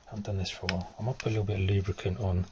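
A middle-aged man talking casually while he rebuilds a car engine outdoors, thinking aloud with pauses and fillers. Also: low voice, flat delivery, noisy background. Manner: thinking aloud, stop-start explaining with fillers. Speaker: DIY car mechanic. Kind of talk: casual workshop explanation. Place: outdoor driveway.

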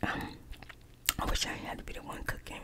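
A woman in whispered role-play ASMR, chatting in soft asides while she works a word search at a table, recorded close to the mic. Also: a little fast. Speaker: ASMR creator. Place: indoors at a table. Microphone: close mic over a tabletop.

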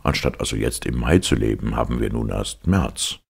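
A man with a very deep, gravelly voice voicing an easygoing captain who gives way in argument. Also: normal speed, exaggerated voice. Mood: calm. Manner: calm, conceding. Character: easygoing male sea captain, yielding.

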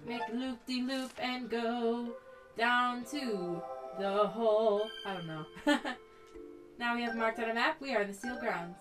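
A woman's voice: fairly high pitch, unhurried, far from the mic, low-quality recording. A young woman hosting a let's play, chatting through her gameplay in a bubbly, giggly way over game music. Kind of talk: casual gameplay commentary. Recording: game music loud behind voice.

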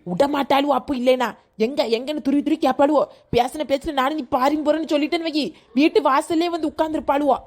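A theatrical, teary village wife, played by a woman, speaks with a Kanyakumari Tamil accent. Her voice is high and she complains with mock sorrow. It suits a rustic comedy sketch. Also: steady tone, quick pace, a little mellow. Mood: grumbling. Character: melodramatic wife seeing husband off abroad.

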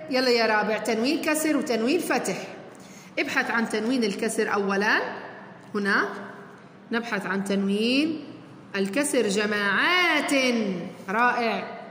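A woman's voice: on the high side, fairly bright tone. A woman teacher, explaining a worksheet step by step and encouraging her fourth-grade pupils. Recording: echoey room with long reverb, faint noise.

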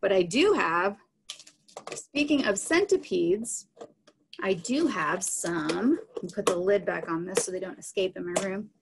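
Her intonation is lively and her pace a little slow, with a creaky, medium-pitched voice over a noisy background. She's a woman in her thirties, a science educator presenting live animals in an informal live talk with audience questions, explaining things simply for children. She speaks into a computer mic on a video call from a small room at home.

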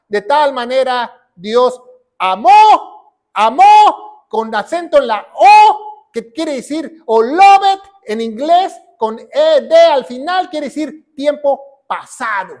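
A man preaching a sermon as a pastor. He asks questions, answers them himself, repeats key phrases and rises to shouts. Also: very high voice, expressive, slow.

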